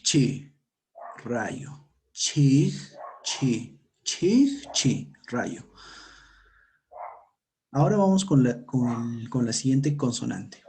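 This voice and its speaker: A man teaching a language lesson, saying each sound and word slowly and repeating it for learners to copy. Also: mid-range voice, gravelly, a little mellow. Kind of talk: slow pronunciation lesson.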